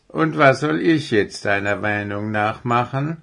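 A man's voice: mid-range voice, animated, measured pace, gravelly, fairly bright tone. A man voicing a sleepy, grumpy little male owl in a read-aloud children's story, complaining and grumbling.

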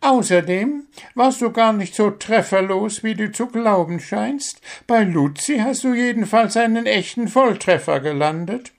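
A tiny bird football coach with a shrill, piping voice that scolds his team sharply and mocks them with sarcasm. He speaks loudly and firmly, high above a normal speaking voice, in a storybook reading. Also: animated, unhurried, hardly any pauses. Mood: scolding.

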